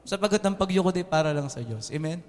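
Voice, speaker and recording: A young adult man with a Filipino accent preaching a lively, joking sermon as a pastor in an air-conditioned church hall, often asking the congregation "Amen?". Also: high-pitched, fast talker. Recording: long hall reverb in a church.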